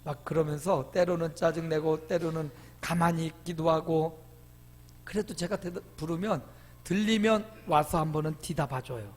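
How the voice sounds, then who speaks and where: A middle-aged man preaching a sermon as pastor, emphatic, with loud swells and lively quoted voices, recorded in a church sanctuary. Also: fairly high pitch, moderate pace. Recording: long hall reverb.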